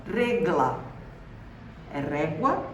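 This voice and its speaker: This Brazilian teacher's voice is fairly low, sing-song and extremely slow. Her Brazilian Portuguese accent colors a school lesson in which she patiently explains each word and checks in with the class after every point, heard from a distance amid roomy echo and faint background noise.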